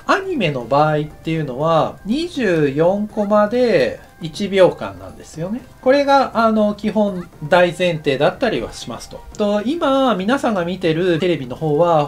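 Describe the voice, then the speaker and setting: An anime director teaching a course gives an explanatory screen-share lecture, relaxed and chatty with lots of fillers. His pitch is lively, rising and falling as he explains.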